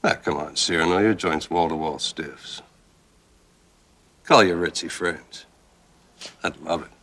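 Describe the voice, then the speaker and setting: Low-voiced, brusque cop. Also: male voice, unhurried, a bit bright. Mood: dismissive. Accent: American. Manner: clipped, needling, commanding. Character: brusque, sarcastic male police detective, hard-nosed. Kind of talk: noir detective drama interrogation.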